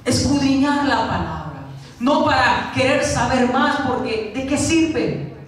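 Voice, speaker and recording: A man's voice: very high voice, expressive, takes it slowly, heavy reverb, far from the mic, low-quality recording. A man preaching a sermon as pastor, repeating key lines and acting out quotes. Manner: preaching with repetition and acted-out quotes. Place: church.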